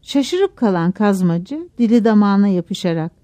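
Expressive woman reading a novel. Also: mid-range voice, unhurried. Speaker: narrator. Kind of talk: audiobook narration of a novel.

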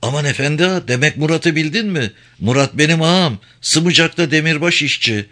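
A man voicing a proud, stubborn young village lad in a Turkish audiobook, in a higher, earnest, defiant voice. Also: lively intonation, a little fast, bright, forceful tone.

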